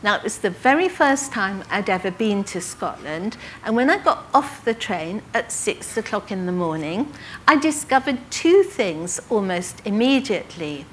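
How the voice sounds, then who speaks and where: An older woman from England recounting her early writing career to an audience, in a lively anecdotal way with quoted dialogue. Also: medium pitch, moderate pace, slight background noise. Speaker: author telling her life story. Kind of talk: storytelling talk to an audience.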